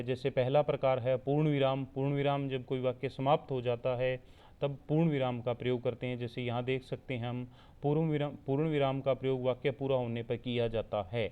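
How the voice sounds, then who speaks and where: A man giving a steady explanatory online lecture as a teacher-training instructor, repeating points so students can take notes. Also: medium pitch, clean tone. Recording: tinny phone-like recording.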